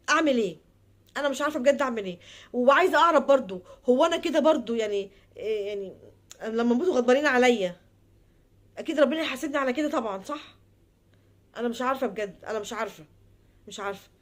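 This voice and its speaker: Fast, high-voiced Egyptian woman pleading. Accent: Egyptian Arabic. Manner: pleading, repetitive, trailing off into soft murmurs. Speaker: advice vlogger. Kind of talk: heartfelt personal monologue and advice.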